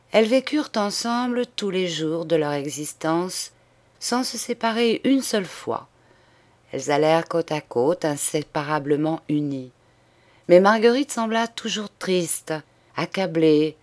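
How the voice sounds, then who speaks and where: A woman reading a literary short story aloud in a measured, expressive way. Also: sits low. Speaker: audiobook reader.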